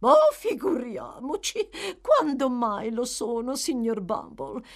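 Woman as a fussy, sugary workhouse matron, slow and exclamatory, lively pitch. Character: prim, self-pitying widowed workhouse matron. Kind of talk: audiobook reading.

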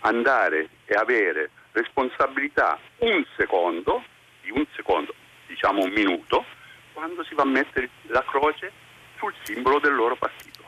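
A man's voice: mid-range voice, big pitch swings, moderate pace, pushed and bright, husky. An older retired man calling in to a radio talk show over the phone, talking indignantly and arguing about politicians. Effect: voice over a phone line into a radio show.

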